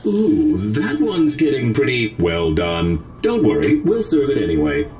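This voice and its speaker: A man's voice: mid-range voice, wildly swooping pitch, unhurried, darkish tone, slight background noise. A man voicing a cheerful male robot job instructor in a video game, explaining tasks step by step. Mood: upbeat.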